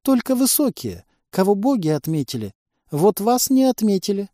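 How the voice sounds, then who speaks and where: A man voicing a frightened, naive female alien captive in an audiobook, with a squeaky, puzzled, childlike manner. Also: big pitch swings, normal speed, mellow, no room sound, studio quality. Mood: squeaky bewildered.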